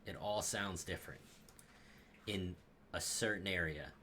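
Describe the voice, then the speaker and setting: A man narrating a tabletop game as game master, describing scenes with animated, restarting delivery. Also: sits low, a little slow, slight background noise.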